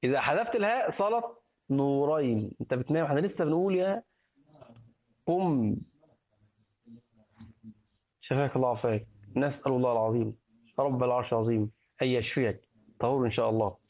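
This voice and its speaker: Egyptian sheikh on a tinny line. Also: male voice, medium pitch, expressive, racing. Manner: explains by repeating words, quizzes the listeners. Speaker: sheikh teaching hadith and jurisprudence. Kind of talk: religious lesson, colloquial explanation. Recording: tinny phone-like recording.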